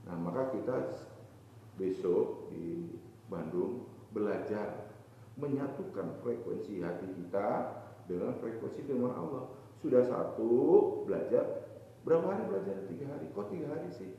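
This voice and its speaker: A man preaching at a boarding school, lively, asking his listeners questions and answering them himself. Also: on the low side, normal speed, a little hiss or hum. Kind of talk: evening religious talk to students. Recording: distant, echoey hall, dull lo-fi sound.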